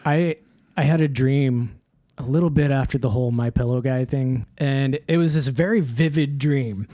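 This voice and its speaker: A man's voice: medium pitch, normal speed, no echo. A young man co-hosting a podcast, casually telling stories with lots of laughing and swearing. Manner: laughing, swearing, animated storytelling. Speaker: podcast co-host. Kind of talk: casual chat. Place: studio.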